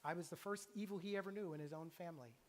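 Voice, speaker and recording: A man's voice: on the high side, very fast. Earnest preacher man in echoing church. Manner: earnest, confessional, conversational preaching. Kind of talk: sermon. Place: church sanctuary. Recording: long reverb of a church hall.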